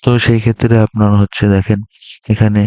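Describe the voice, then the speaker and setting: A man teaching an online language class, explaining slowly and hesitantly with many fillers. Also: fairly low pitch, level tone, darkish tone, dry recording. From Bangladesh.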